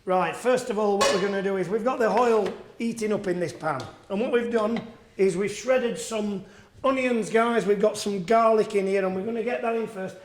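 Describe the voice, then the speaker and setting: Rich: A high-voiced man chef talks through a recipe in a chatty, step-by-step way. His voice rings around a roomy kitchen, and a pan sizzles faintly behind him. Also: moderate pace, slight background noise. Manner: chatty, repetitive "what we're gonna do". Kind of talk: cooking demonstration. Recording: roomy kitchen with frying sounds.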